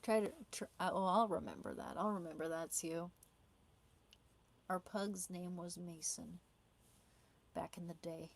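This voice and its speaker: A woman livestreamer with a lowish, fairly even voice chats with viewers and answers their comments through a small clip-on wireless mic. She speaks a little slowly with creaky, long-paused delivery, her sore throat making her voice start to fail, and she keeps restarting and repeating words mid-sentence.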